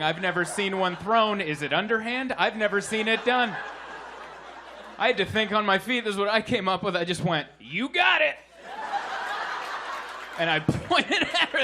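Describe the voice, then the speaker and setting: A man doing a stand-up set with deadpan, self-mocking storytelling in a crowded basement comedy room, with audience laughter behind him. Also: sits high. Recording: live club recording with crowd noise.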